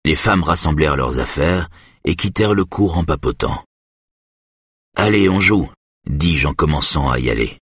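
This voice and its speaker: Brief: male audiobook narrator, calm and measured, very deep register, dry close-miked sound. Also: breathy edge, no echo. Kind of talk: scripted first-person narration.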